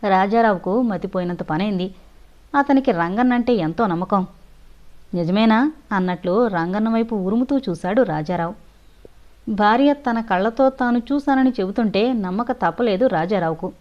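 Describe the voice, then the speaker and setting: A woman narrating a suspense thriller audio novel in steady scripted storytelling. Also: medium pitch, normal speed. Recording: dull lo-fi recording.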